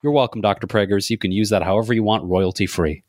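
A man's voice: on the low side, fast talker, darkish tone, dry recording, clean studio sound. A man co-hosting a podcast, joking in a playful, casual way. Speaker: podcast co-host. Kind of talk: casual chat.

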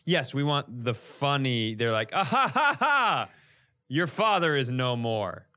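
This podcast co-host speaks at a measured pace in a mid-range voice that swings widely in pitch and sounds pushed and bright. He's telling offhand comedic stories, bluntly and with plenty of swearing and exasperation.

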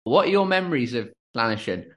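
A man's voice: medium pitch, big pitch swings, fast. A man in his twenties hosting a podcast interview, upbeat and chatty. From Wales. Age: 20s. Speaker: podcast host.

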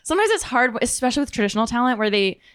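A woman's voice: fairly high pitch, big pitch swings, rapid-fire, a bit bright, clear, resonant tone, dry recording. A woman in her twenties from California, chatting casually as a podcast guest and filling her talk with "like". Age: 20s. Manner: chatty, filler-heavy with "like". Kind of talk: casual chat.

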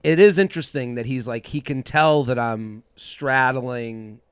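A man's voice: medium pitch, measured pace, clear, resonant tone, no echo. Rambling, self-doubting man. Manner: rambling, self-deprecating, many restarts. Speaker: guest. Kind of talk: candid conversation.

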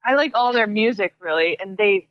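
A woman singer-songwriter chats easily with an interviewer. She laughs often and fills her sentences with casual fillers. Her voice sits at a middle pitch. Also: normal speed, muffled recording. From Chicago area. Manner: lively, laughs often, uses many fillers.

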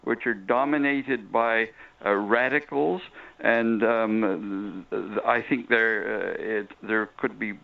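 A man speaking as a guest on a radio panel, in a deliberate way with frequent hesitations. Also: on the low side, fairly even intonation, vocal fry. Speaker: guest commentator. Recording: tinny phone line.

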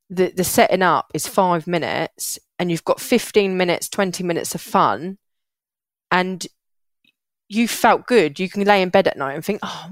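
A woman's voice: lowish voice, dry recording, clean studio sound. A young woman, chatting earnestly as a guest in an interview and often restarting her sentences. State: getting emotional. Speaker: podcast guest, parenting hack creator. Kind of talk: casual interview chat.

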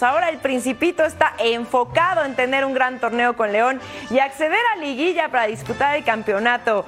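A woman presenting sports highlights with brisk, lively commentary. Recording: music underneath.

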